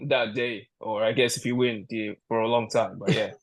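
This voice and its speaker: A man's voice: fairly low pitch, steady tone, normal speed. A man from Canada, a powerlifter guest on a podcast, chatting casually, joking and laughing often, rambling with restarts. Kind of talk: casual interview chat.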